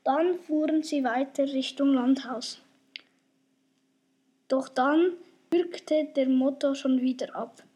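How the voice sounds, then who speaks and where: A woman narrating a family story in an amateur radio play, lively and chatty, speaking directly to the listeners. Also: sits high, slow pace, long pauses.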